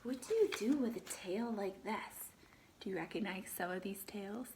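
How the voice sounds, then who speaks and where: In a noisy setting, a woman of medium pitch brings a children's picture book to life as she reads aloud. Along the way she breaks off to chat with her young audience and ask them questions.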